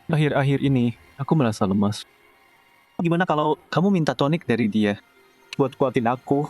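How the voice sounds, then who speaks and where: A man's voice: medium pitch, expressive, fairly quick, darkish tone, faint music behind, close to an everyday voice. A man playing an arrogant, lecherous suitor from a martial sect in a dubbed fantasy drama. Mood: smug, suggestive.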